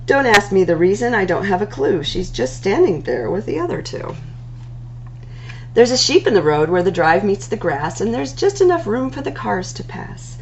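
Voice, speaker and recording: At a library storytime, a woman reads rhyming picture books aloud in an animated, singsong way, drawing out her words. Her pitch rises and falls widely over a gravelly creak. The audio is dull, with a faint hum and light noise.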